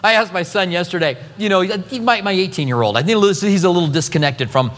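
A man's voice: high voice, fairly quick, big-room sound. A middle-aged man preaching a sermon as pastor, telling stories with humor. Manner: animated storytelling with humor.

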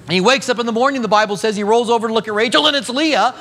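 Here the preacher, a middle-aged man, races through a sermon in a very high voice that fills a large hall. His delivery is animated, full of humorous storytelling.

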